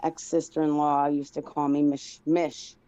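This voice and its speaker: Woman guest on a speakerphone call, low and mellow, dull muffled line, chatty and eager. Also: little pitch movement, unhurried, no room sound. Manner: eager, rambling, talks in runs of clauses. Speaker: phone-in guest. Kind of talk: casual chat.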